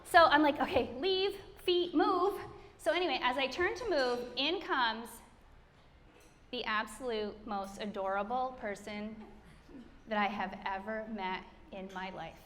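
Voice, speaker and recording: A woman's voice: fairly high pitch, unhurried, fairly bright tone. Chatty middle-aged woman in a hall. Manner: chatty, self-deprecating, laughs often. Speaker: speaker introducing the founder. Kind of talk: storytelling speech to an audience. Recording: hall reverb, faint room noise.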